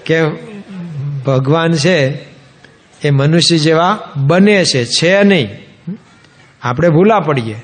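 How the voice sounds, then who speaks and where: A man with a Gujarati accent, a swami giving a humorous sermon, telling anecdotes and quoting others in an animated way. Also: fairly high pitch.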